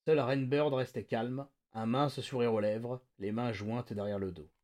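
A man hosting a podcast, reading a novel aloud with lively, dramatic narration. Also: medium pitch, unhurried. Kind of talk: expressive read-aloud narration.

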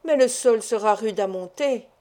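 A woman's voice: on the high side, moderate pace, a little mellow, lightly acted. Woman doing a fretful, timid old doctor. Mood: worried. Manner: pleading and fretful. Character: timid, complaining, tired older village doctor, small man.

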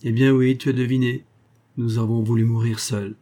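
A man's voice: medium pitch, flat delivery, normal speed, mellow, lightly acted. A man reading aloud and voicing a young privateer lieutenant, bold and tender, with an earnest, resolute delivery.

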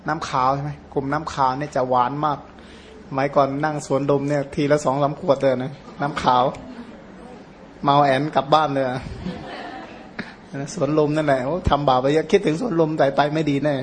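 Chatty Thai monk, higher voice. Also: male voice, level tone, normal speed, a little hiss or hum. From Surin, Thailand. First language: Khmer. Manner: chatty, rambling, self-correcting with fillers. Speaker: Buddhist monk teacher. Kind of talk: Dhamma talk, informal teaching.

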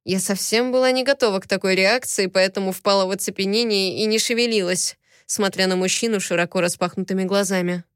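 A woman's voice: mid-range voice, fairly even intonation, a little fast, few pauses, smooth, no room sound, studio quality. Woman reading a first-person audiobook. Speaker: audiobook narrator.

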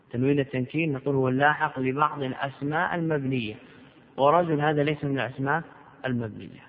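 A man teaching a grammar class as a sheikh, speaking deliberately and asking questions that he then answers himself. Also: medium pitch. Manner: deliberate, poses and answers his own questions. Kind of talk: classroom lecture. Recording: lo-fi recording with long hall reverb.

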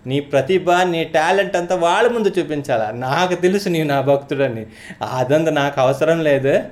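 A storyteller voicing a calm, low-voiced god. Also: moderate pace, lightly acted. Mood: reassuring. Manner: gentle, reassuring, commanding. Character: calm male god reassuring a devotee. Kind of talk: devotional storytelling.

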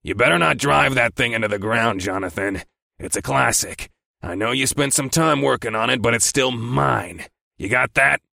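A man voicing a gruff, grating-voiced trucking boss who barks and snaps orders. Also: mid-range voice, steady tone, a little fast, few pauses, fairly bright tone, no room sound, clean studio sound, voice pushed up, close to an everyday voice. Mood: grumbling. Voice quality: grating, gravelly. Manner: barking, snappish.

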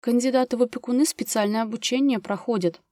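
A woman reading the part of an anxious, overworked young woman who talks in a tense, agitated way and flares up easily, pitched above her narrating voice, in a dry recording of an audiobook. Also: fast talker, dark tone, dry recording, natural voice.

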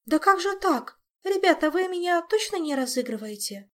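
An exasperated young woman, high and loud, her voice swinging up and down as she protests, read by a woman in an audiobook. She sounds agitated and close to hysterics. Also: big pitch swings, moderate pace. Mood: bewildered. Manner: agitated, shouting in dismay.

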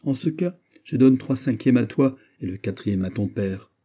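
A man's voice: mid-range voice, moderate pace, close to an everyday voice. A man voicing a bold, wry old-school musketeer. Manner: lively, boastful, mocking. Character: bold wry middle-aged male musketeer. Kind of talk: audiobook character voice.

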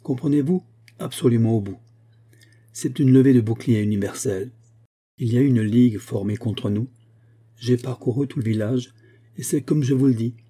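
A man reads as a young painter bringing bad news, earnest and urgent in tone. The voice underneath is very dark and breathy. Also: medium pitch, normal speed, pauses often, lightly acted. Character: worried young male painter, grave and blunt.

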